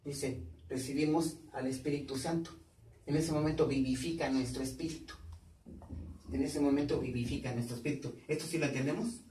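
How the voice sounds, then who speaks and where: Pastor preaching in an echoey hall. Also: male voice, medium pitch, steady tone, brisk, warm tone, far from the mic, slight background noise. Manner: quizzes the congregation with questions, repeating key words. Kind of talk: teaching sermon. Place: church hall.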